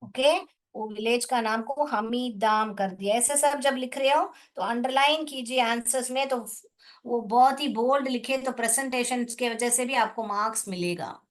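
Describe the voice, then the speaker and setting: A woman's voice: a little high, moderate pace. A woman teaching English in an online class, explaining in Hindi with an Indian accent, spelling words out and calling students beta.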